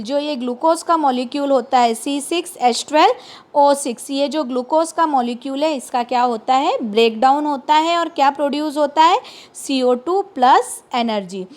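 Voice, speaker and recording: Woman teacher explaining science, high voice, asks then answers herself, terms said slow. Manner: asks questions then answers them, slows for English terms. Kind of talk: classroom lecture.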